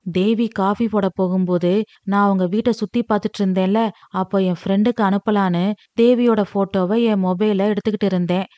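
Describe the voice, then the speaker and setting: A woman's voice: medium pitch, steady tone, fairly quick, warm tone, dry recording, highs cut off, lightly acted. A woman reading a storybook, voicing a clever, observant young woman who explains things eagerly. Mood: explaining.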